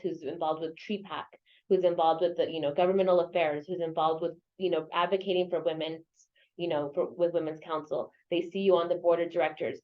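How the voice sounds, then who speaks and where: A woman from El Paso, Texas, a real estate agent who is president of a local association, answers questions as a guest in a casual interview. Her lowish voice comes through muffled over a video or phone call, and she speaks earnestly, filling her answers with "you know."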